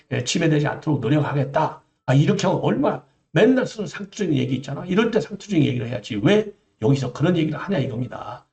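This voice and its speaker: A man's voice: a little high, creaky, darkish tone. A middle-aged man giving solo political commentary. He reads out an official briefing, then breaks off to criticize it with emphatic, exasperated rhetorical asides. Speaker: political commentator, former broadcast journalist. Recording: echoey room, slightly dull sound, faint music bed.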